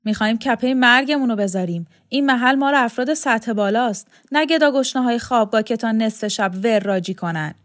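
A woman doing a gravelly, menacing brute. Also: a little high, hardly any pauses, pitched above the performer's own voice, lightly acted. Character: burly rough man, threatening.

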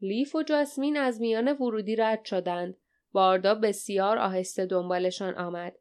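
Clear-voiced woman narrating an audiobook. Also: medium pitch. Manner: steady storytelling delivery. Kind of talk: scripted narration.

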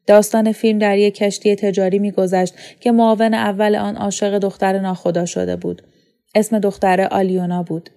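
A woman from Iran narrating a novel aloud in a calm, measured storytelling voice. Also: mid-range voice. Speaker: audiobook reader.

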